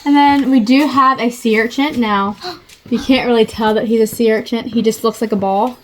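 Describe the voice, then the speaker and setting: A woman's voice: on the high side, steady tone, normal speed. A woman giving a memorized guided tour talk, her voice echoing inside a cave. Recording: echoey cave, distant mic, faint noise.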